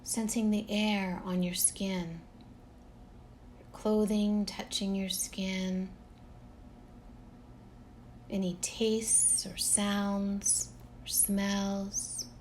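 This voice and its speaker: A medium-pitched woman leads listeners through a relaxation meditation in a soothing, leisurely way. Long pauses separate her phrases, and a little hiss or hum can be heard.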